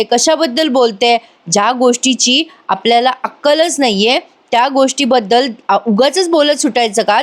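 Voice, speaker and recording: A woman voicing a furious, bitter young married woman who scolds in shrill outbursts. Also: close to an everyday voice.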